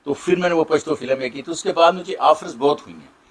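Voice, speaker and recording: A middle-aged actor with a Saraiki accent, answering interview questions in a warm, grateful way with many pauses. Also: male voice, a little high. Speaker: Saraiki drama and film actor.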